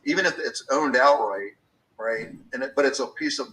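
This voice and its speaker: A man's voice: medium pitch, moderate pace, sharp tone, distant mic, rough recording. A man in his fifties talking casually about business, rambling with many restarts and fillers. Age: 50s.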